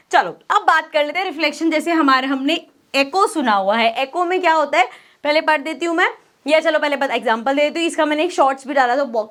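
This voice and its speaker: A young woman teaching a school science lesson, explaining in a mix of Hindi and English and slowing down to read textbook lines. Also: sits high, a bit bright. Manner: mixes Hindi with English terms, reads textbook lines slowly. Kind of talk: one-shot exam lesson.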